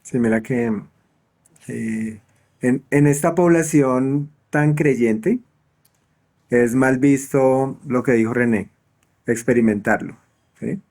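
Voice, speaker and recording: A man's voice: medium pitch, slow pace, long pauses, darkish tone. A man talking reflectively in a conversation, often stumbling and repeating words while he thinks.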